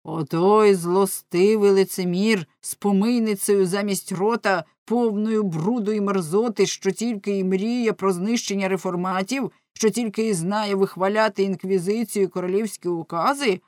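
Woman reads a jealous grown husband, loud and ranting, in a dry close storybook read. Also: fairly low pitch, measured pace, no room sound. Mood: furious. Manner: loud, ranting, anguished outbursts. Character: jealous, hot-tempered husband, grown man.

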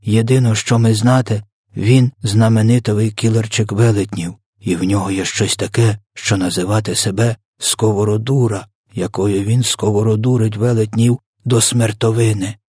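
Man putting on a gentle old giant, talks low and hushed, words all jumbled, storybook read. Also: steady tone, normal speed, slightly rough, dry recording, studio quality. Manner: whispering, hushed, mangled grammar. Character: kind old male giant with broken speech.

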